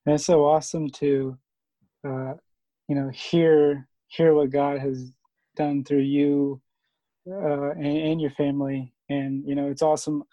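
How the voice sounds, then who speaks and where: A man hosting a casual chat, halting and filled with "uh" and "you know". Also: fairly high pitch, level tone, warm tone, no room sound, dull audio. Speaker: host.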